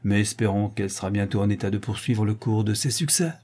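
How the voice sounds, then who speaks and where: A man reading the part of an eloquent, composed young gentleman host in a storybook reading. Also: lowish voice, fast, husky.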